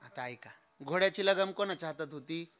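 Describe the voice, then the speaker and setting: A young man preaching a devotional kirtan sermon, telling stories animatedly and swinging between hushed asides and loud sung lines. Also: a little high, fairly quick. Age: young adult.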